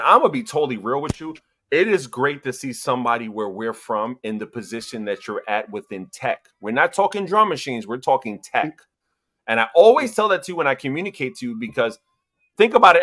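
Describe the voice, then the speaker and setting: A man's voice: mid-range voice, pushed and bright. A man with a New York accent hosting a casual livestream panel, talking in an emphatic, motivational way and repeating his points for effect. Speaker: host. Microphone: video call.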